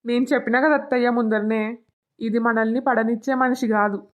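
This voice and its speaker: A woman's voice: fairly high pitch, steady tone, fairly quick, lightly acted. A woman voicing a stern family member in a cartoon, scolding bluntly.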